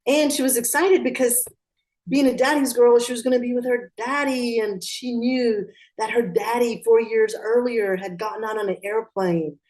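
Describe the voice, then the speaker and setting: A woman with a fairly high pitch speaks at normal speed with fairly even intonation and a slightly mellow tone, in poor audio. Originally from Pakistan and raised in Atlanta, Georgia, she is a guest in a conversational interview, reflective and often restarting her sentences with frequent fillers.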